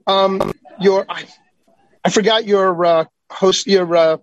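A man's voice: high-pitched, steady tone, slow, lo-fi sound, noisy background. A man joining a talk show as a guest, talking bluntly and heatedly with some swearing. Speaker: call-in guest. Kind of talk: casual chat.

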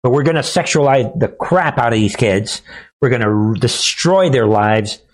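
A man's voice: mid-range voice, expressive, normal speed, lightly acted, rough recording. A man voicing a scheming, gleeful establishment villain in a mocking, pushy, urgent manner during a conspiratorial rant. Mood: gleefully scheming.

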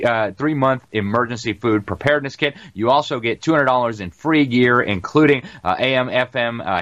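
A man hosting a talk show, delivering rapid, emphatic news commentary and ad reads with many "uh" fillers, calling his listeners "folks.". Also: medium pitch, fairly bright tone, dry recording. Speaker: show host. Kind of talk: fast-talking news commentary and ad read.

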